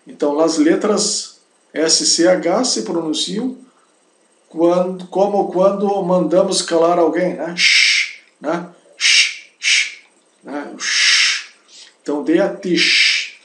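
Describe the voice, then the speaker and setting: Slow, patient male language teacher. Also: fairly high pitch, darkish tone. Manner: repeats each word, constant tag questions. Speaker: German teacher. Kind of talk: slow spoken language lesson. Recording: roomy echo.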